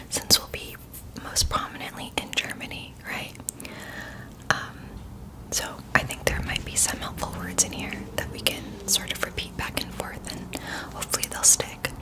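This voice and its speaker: A woman in a whispered role-play, chatting as if to a close friend, keeping hushed and quiet at night so nobody wakes. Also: rumbling low, big pitch swings, moderate pace, rough recording. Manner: quiet at night, hushed so as not to wake others. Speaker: ASMR performer.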